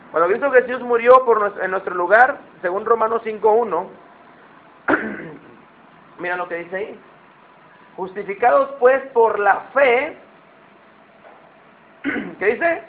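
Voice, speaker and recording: A man with a high-pitched, gravelly voice preaches a conversational sermon, often asking his listeners questions. The recording has a tinny, phone-like sound.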